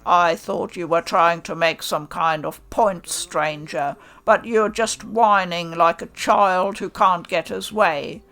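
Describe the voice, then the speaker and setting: A woman's voice: lowish voice, takes it slowly, hardly any pauses, a bit bright. A woman voicing a stern, harsh male samurai commander who scolds with contempt. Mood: scornful.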